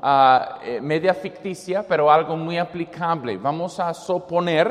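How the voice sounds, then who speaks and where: A man's voice: a little high, unhurried, in a large hall. A man preaching as a missionary, telling a made-up story with many fillers and restarts and acting out the quotes.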